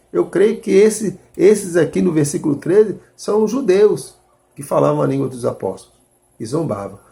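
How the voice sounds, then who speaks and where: A man preaching a sermon. His voice sits a little high for a man, but it has a gravelly fry and a dark, mellow tone. He explains scripture earnestly and often restarts as he reasons aloud. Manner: earnest, addresses listeners as brothers, restarts while reasoning aloud.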